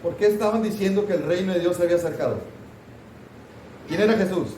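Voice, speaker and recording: Heard from a distance in a roomy church hall, a pastor with a high-pitched, warm voice talks quickly while teaching a Sunday school Bible class. He keeps things conversational, asking the students questions and making mock scolding asides. A little hiss or hum sits under the off-mic recording.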